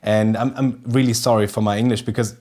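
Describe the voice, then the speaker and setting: On the low side and darkish in tone, this German man's voice runs fairly quick with fairly even intonation. In his thirties and speaking accented second-language English, he eagerly gives an informal photography lesson to camera on a festively decorated studio kitchen set, frequently starting over while hunting for words.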